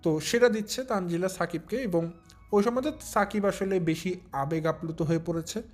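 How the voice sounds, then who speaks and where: Young male vlog commentator, high voice, mocking, stretches his stressed words, faint music bed. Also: darkish tone. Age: young adult. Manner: drawn-out emphatic stresses, mocking. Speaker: commentary channel host. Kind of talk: casual commentary vlog addressing viewers.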